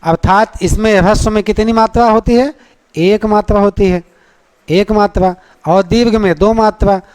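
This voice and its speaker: A man's voice: sits high, steady tone, moderate pace, darkish tone. A man teaching grammar in a lecture style, asking rhetorical questions, answering them himself, and drawing out vowel sounds to demonstrate them.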